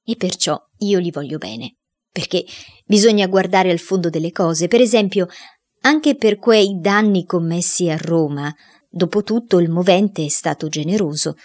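A woman's voice: fairly low pitch, moderate pace, darkish tone, natural voice. A woman reading a storybook, voicing a good-hearted lawyer who argues a boy's case eloquently. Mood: persuading. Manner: eloquent, pleading.

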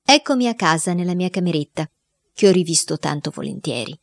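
A woman narrating a children's diary novel as an audiobook reader, in an expressive storytelling manner. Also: lowish voice, brisk, creaky, dry recording.

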